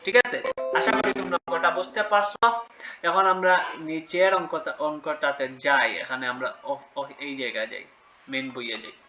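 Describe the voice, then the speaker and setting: Bright-voiced man teaching children math. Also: on the high side, steady tone, fairly quick, dull audio, soft background music. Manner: patient, asks questions and answers them himself. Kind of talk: step-by-step math lesson for children.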